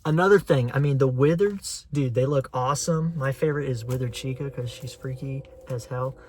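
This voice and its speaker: A man's voice: medium pitch, moderate pace. Young male vlogger, mid-range voice, eager rambling fan chatter. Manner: excited, rambling fan talk. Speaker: channel host. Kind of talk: casual chat.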